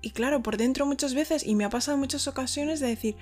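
A woman's voice: fast, darkish tone, faint music behind. A woman in her thirties from Spain, with a Spain Spanish accent, chatting casually as host of her own vlog. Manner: chatty, acts out quoted people in a high voice. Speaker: vlogger host. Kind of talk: casual chat to camera.

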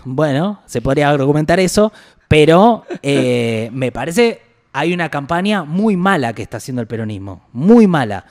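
A man's voice: on the high side, very animated, moderate pace, a little mellow. A man with an Argentine Rioplatense accent, co-hosting a casual political chat, blunt and exasperated, swearing freely. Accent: Argentine Rioplatense Spanish. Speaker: political podcast co-host.

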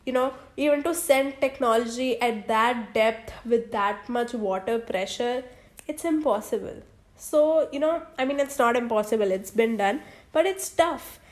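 A young woman hosting a solo podcast, rambling casually with many fillers and restarts. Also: sits high. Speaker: podcast host.

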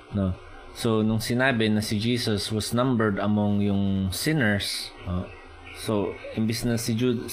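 A man preaching a sermon in mixed Filipino and English, explaining slowly and often checking in with his listeners. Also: on the low side. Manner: Taglish preaching, slow and explanatory, rising with emphasis.

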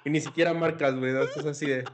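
A man's voice: on the high side, steady tone, rapid-fire. A man with a Mexican Spanish accent, co-hosting a podcast in crude, slangy casual chat. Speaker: podcast co-host.

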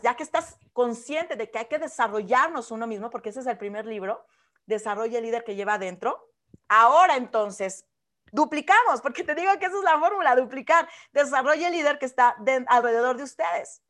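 A woman mentor speaks in a high voice. She delivers a lively motivational talk with plenty of emphasis. She keeps checking in with her listeners through quick rhetorical questions. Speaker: business mentor.

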